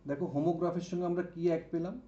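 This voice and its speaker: A man teaching an exam-prep English vocabulary lesson, explaining slowly, repeating example words and checking understanding with "okay?". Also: fairly high pitch, level tone, mellow. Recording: dull, echoey room sound.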